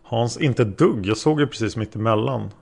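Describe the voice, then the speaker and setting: A man reading the lines of a hesitant male taxi driver being questioned as a witness, in a plain, halting way. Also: medium pitch, gravelly, a little mellow. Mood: unsure. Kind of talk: read-aloud interrogation transcript.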